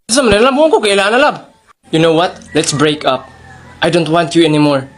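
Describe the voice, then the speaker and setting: A man's voice: on the high side, moderate pace, noisy background. A man performing a comic skit in a playful, teasing way. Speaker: comedy sketch performer.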